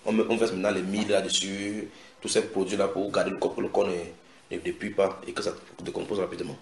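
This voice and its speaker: A man preaching a sermon in a house church, animated and expressive. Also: low-pitched, quick pace. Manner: animated preaching with acted quotes and a shouted climax. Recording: echoey room, faint noise.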